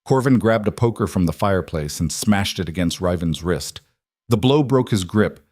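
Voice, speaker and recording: A man narrating a dark fantasy romance story in a measured, dramatic read. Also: low-pitched, expressive, no echo, studio quality. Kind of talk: scripted audiobook narration.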